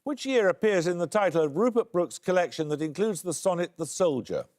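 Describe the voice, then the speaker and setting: Lively high-pitched quizmaster, dry wit. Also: male voice, a little fast. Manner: dry, wry scripted introductions. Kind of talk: quiz show hosting, reading questions.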